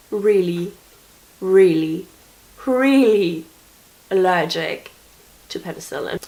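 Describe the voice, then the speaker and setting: Sniffling and coughing from a cold, a young woman vlogs from bed, telling stories in a chatty, wry, self-mocking way. Her voice is medium-pitched, and the recording quality is low.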